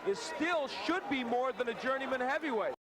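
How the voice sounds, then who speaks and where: A man's voice: very high-pitched, expressive, moderate pace. A man giving emphatic, opinionated live analysis as a boxing colour commentator. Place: ringside at a boxing arena. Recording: loud arena crowd and noise.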